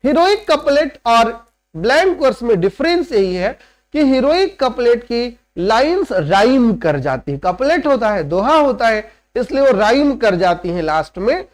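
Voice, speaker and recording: A man's voice: sits high, sing-song, measured pace. A man lecturing on literature who explains step by step, drops in English terms and often checks that students follow. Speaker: literature teacher. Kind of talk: classroom lecture.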